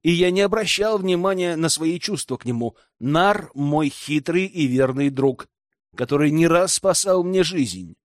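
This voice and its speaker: A male audiobook narrator with a slightly high voice and a very lively, rising and falling delivery. He reads in the first person with a wry edge, recorded dry and close with no room sound. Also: measured pace, no echo.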